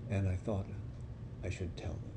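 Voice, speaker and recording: A man's voice: low voice, little pitch movement, moderate pace, noisy background, lightly acted. A man voicing a humble young disciple. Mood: earnest. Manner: earnest, pleading.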